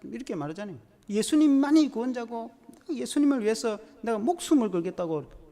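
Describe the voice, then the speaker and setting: Animated pastor, lively high voice. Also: male voice, a little fast. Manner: animated storytelling, acting out quotes. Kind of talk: sermon. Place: church sanctuary. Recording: long church hall reverb.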